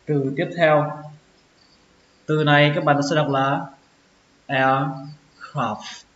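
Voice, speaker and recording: A man with a fairly high voice teaches pronunciation, breaking each word apart and repeating it slowly. The recording is roomy and echoey, with a dull lo-fi tone and a faint hiss behind it. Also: steady tone, fairly bright tone. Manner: slow, drawn-out repetition of words. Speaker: English teacher. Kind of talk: pronunciation lesson.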